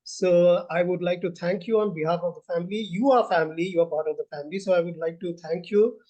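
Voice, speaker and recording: A man's voice: high voice, steady tone, fast talker, mellow, dull audio. A middle-aged man with an Indian accent, hosting a casual interview in an effusive way, often repeating his phrases. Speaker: moderator of a talk show.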